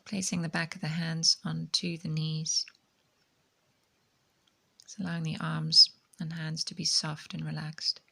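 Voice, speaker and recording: Speaking in a low voice at a measured pace with frequent pauses, a woman guides a meditation. Her soft, soothing delivery often fades into breathy near-whispers.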